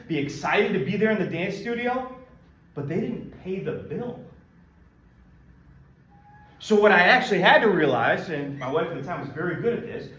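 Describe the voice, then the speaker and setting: A man with a fairly high, lively voice tells stories to students and keeps turning to the room with asides. The sound is roomy and a little dull, as if heard in a lecture hall. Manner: animated storyteller who addresses the audience directly. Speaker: guest speaker. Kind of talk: storytelling presentation to students. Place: university business school room.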